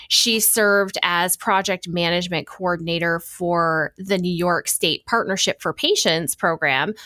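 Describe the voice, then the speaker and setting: A woman's voice: on the low side, bright, forceful tone, no echo, studio quality. A woman hosting an interview podcast, reading a guest introduction and asking friendly questions. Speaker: podcast host.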